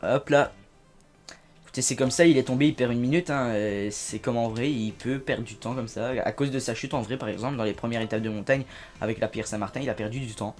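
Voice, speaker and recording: Man, casual let's-play commentary, excitable, loud outbursts and quiet asides, average pitch. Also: a little fast, soft background music. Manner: chatty, excitable, swings between loud outbursts and low asides. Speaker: gaming video host.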